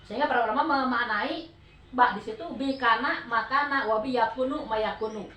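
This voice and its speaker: Woman, Sundanese accent, religious teacher, patient question-and-answer teaching, highish voice, echoey room, off-mic. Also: brisk, a bit bright. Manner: explains patiently, often asks listeners for answers. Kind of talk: Quran study talk to a women's group. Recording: echoey room, voice heard from a distance.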